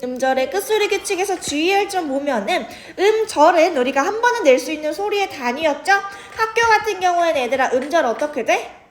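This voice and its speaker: A woman's voice: very high voice, expressive, fairly quick. A young woman teaching a grammar lesson, chatty and checking in with her students often.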